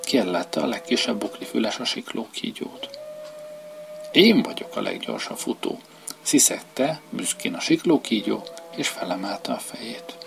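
A man reading a children's story aloud in an expressive, lively storybook manner. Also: mid-range voice, creaky. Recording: violin music playing behind.

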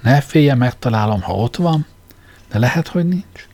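A man voicing a cheerful, confident young man with a brisk, upbeat delivery. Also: medium pitch, animated, a little mellow. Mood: eager.

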